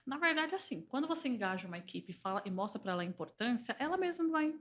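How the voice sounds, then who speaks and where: A woman's voice: on the high side, fast talker. Persuasive Brazilian woman telling stories. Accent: Brazilian Portuguese. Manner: animated, persuasive, tells anecdotes. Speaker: entrepreneur and organizational systemic therapist. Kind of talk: podcast conversation.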